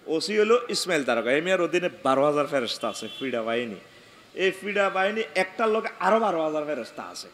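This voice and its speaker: Man, Bangladeshi Bengali dialect, preacher, sermon with singing, forceful bright voice, slightly high, faint background hiss. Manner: animated storytelling, acting out dialogue, bursts of loud exclamation. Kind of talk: Islamic sermon with sung passages.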